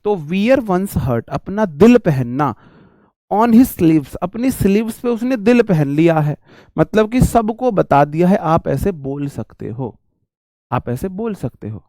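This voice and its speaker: A man's voice: high voice, lively intonation, takes it slowly, mellow, no room sound, clean studio sound. Chatty Indian man teaching idioms. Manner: chatty, addresses students as bhai and ji, repeats phrases. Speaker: English teacher. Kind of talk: casual Hindi vocabulary lesson.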